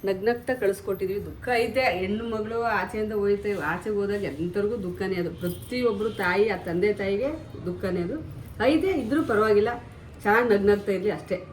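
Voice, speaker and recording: A middle-aged woman, the vlogger's mother, talking in a quick, firm, matter-of-fact way about family. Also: medium pitch, rough recording. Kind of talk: casual family chat. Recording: off-mic with faint room noise.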